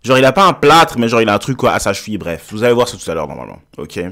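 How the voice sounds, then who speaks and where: Homme à la voix grave et expressive. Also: male voice, fairly low pitch, racing. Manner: animated, mixes in English phrases. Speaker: YouTuber reacting to a show. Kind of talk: casual reaction commentary.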